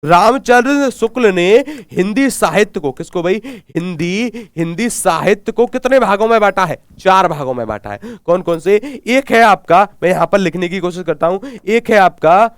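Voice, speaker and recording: Man, online exam tutor, repeats questions and answers, fairly high voice, smooth clear sound. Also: expressive, normal speed, few pauses, dry recording, clean studio sound. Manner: drills answers with repeated questions and call-backs; urges viewers to comment answers. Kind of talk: live Hindi exam class.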